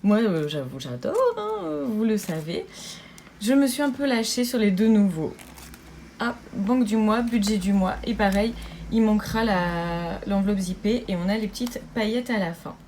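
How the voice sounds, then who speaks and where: A woman's voice: medium pitch, expressive, normal speed, a little mellow. Cheerful woman vlogger, chatty and giggly, talking straight to her followers over a faint hum. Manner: bubbly, chatty, laughs often, many fillers. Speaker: budgeting vlogger. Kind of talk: casual chat to viewers.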